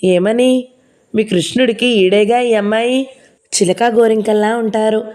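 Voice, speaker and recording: A woman's voice: a little high, fairly even intonation, measured pace, a little mellow, lightly acted. A woman voicing a nosy, chatty older village woman who pries and scolds, in an audiobook reading. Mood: gossipy. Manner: prying, scolding, gossipy.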